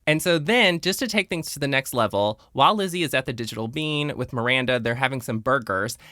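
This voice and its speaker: Man, young adult, podcast host, chatty animated recap, bright tone, dry close sound. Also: mid-range voice, fairly quick, no room sound. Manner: chatty, animated retelling with playful quoted lines.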